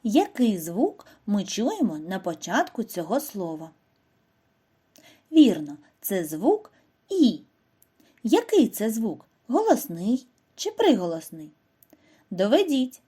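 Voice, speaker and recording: A woman giving a scripted reading and spelling lesson to first graders, speaking slowly and clearly and asking the children questions. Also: mid-range voice, huge pitch swings, dark tone. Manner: slow, clear, instructive delivery with questions to children. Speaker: primary school teacher.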